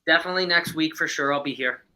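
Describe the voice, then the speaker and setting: A man's voice: a little high, quick pace, sharp tone, rough recording. A man joining a late-night livestream as a guest over a video call, chatty and easygoing. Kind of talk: casual livestream chat.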